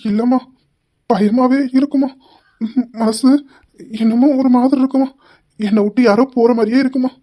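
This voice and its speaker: Give me a woman voicing a sobbing, pleading young husband, mellow and slightly high. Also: fairly even intonation, normal speed, lightly acted. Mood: tearful pleading. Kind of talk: amateur audio drama acting.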